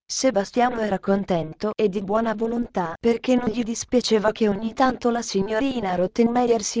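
Woman narrator, storybook reading, steady and clear, mid-pitched.

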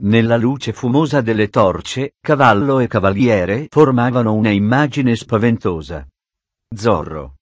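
A man narrating an adventure storybook in a steady, dramatic reading on a close studio microphone. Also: mid-range voice, normal speed, hardly any pauses, no echo. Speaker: audiobook narrator.

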